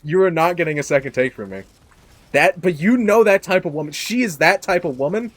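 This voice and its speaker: Young male podcast host, rambling, self-deprecating, prone to loud outbursts. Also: on the high side, lively intonation, brisk, a crowd in the background. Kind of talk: casual chat.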